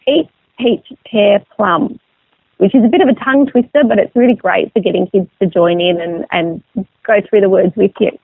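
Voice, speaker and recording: A woman's voice: mid-range voice, gravelly, no room sound. A woman explaining things conversationally as an interview guest. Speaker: magazine editor as interview guest. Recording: narrow phone line sound.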